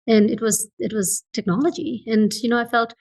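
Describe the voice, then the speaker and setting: A slightly high, a little mellow voice belongs to a Fijian woman being interviewed as a guest about her work as an entrepreneur. She speaks at a normal speed, reflective and conversational, earnestly repeating phrases to stress them.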